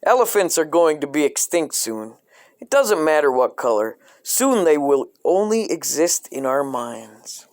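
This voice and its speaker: Reading a dark comic coloring book aloud, this man keeps a deadpan delivery and keeps breaking off into profane asides. His voice is slightly high and slightly slow.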